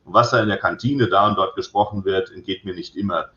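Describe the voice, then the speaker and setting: A man's voice: low-pitched, quick pace, pushed and bright. A man reading the lines of a blunt, indignant male police inspector, talking directly. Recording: roomy echo, slightly dull sound.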